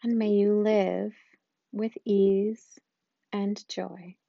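A woman guiding a loving-kindness meditation in a slow, soft and soothing way, with long pauses. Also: medium pitch, flat delivery, creaky, dry recording, muffled recording. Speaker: meditation guide.

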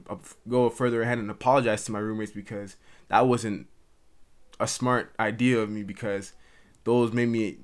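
A young man hosting his own podcast from his mother's house, talking earnestly and ramblingly into the camera, with lots of "like" and restarts. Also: on the low side. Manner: earnest, rambling, heavy use of "like". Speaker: podcast host. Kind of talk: casual solo monologue. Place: at home in his mother's house, dimming light. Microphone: camera recording.

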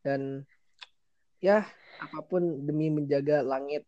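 A man's voice: on the high side, fairly even intonation, slow, dry recording, highs cut off. A young man from Indonesia hosting a casual podcast, explaining things informally and dropping in English phrases. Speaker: podcast host. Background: background music.

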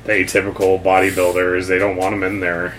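A man's voice: low voice, monotone, fairly quick, fairly bright tone, a little hiss or hum. A man hosting a casual talk show, teasing his guests and laughing often. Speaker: podcast host. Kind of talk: casual chat.

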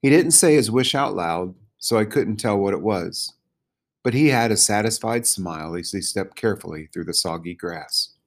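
Brief: low-pitched male audiobook narrator with a calm, measured reading. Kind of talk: storybook narration.

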